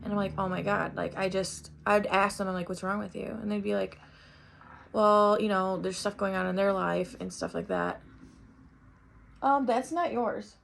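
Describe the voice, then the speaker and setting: A woman's voice: mid-range voice, fairly even intonation, normal speed, gravelly, a little hiss or hum. A young adult woman talking casually to the camera in a rambling personal monologue, restarting often and swearing casually. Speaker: vlogger.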